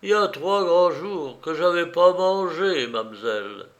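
A man voicing a loyal, rough peasant beadle who fights for the king, speaking loudly and earnestly in a rustic way. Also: a little high, expressive, a little slow, pitched above the performer's own voice. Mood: weary pleading.

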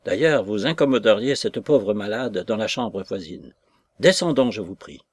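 A man as an earnest flustered young gentleman. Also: on the low side, lively intonation, normal speed, dry recording. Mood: urgent.

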